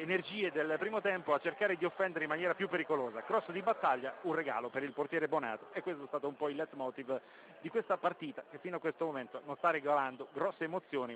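High-pitched man calling football on noisy radio. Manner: descriptive running narration with scores and minutes. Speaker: football play-by-play commentator. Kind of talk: live radio football commentary. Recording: dull lo-fi radio feed, loud background noise.

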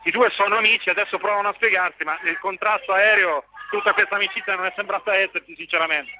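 A man's voice: high voice, steady tone, quick pace. A man giving live play-by-play football commentary on the radio.

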